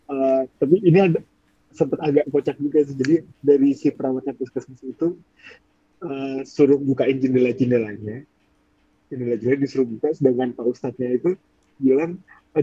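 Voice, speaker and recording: A man's voice: medium pitch, warm tone, breathy edge, no echo, highs cut off. A young man in his twenties casually telling a ghost story, rambling and searching for words. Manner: rambling, searches for words, acts out quoted voices. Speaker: podcast storyteller.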